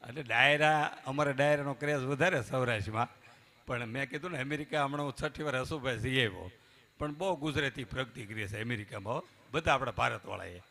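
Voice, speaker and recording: A man doing live folk comedy, telling jokes and anecdotes on stage and swinging between loud bursts and hushed asides. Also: mid-range voice, fast. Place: live stage before a temple audience.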